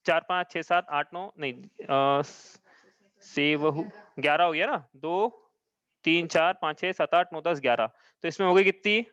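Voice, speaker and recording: Teacher, male, fairly high voice, dry and slightly muffled recording, patient and repetitive. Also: fairly bright tone, smooth, no room sound. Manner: patient, repetitive, checks understanding often; chants verses slowly. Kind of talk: live class explanation. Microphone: own mic, audio only.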